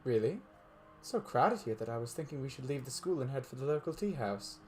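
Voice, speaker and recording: A man playing a composed, well-mannered teenage girl from a visual novel, speaking with formal courtesy. The voice swoops lively up and down and moves at a brisk clip, with faint music underneath. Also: mid-range voice, natural voice. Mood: polite. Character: prim, polite teenage girl, composed and proper. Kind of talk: fan voice reading of a visual novel.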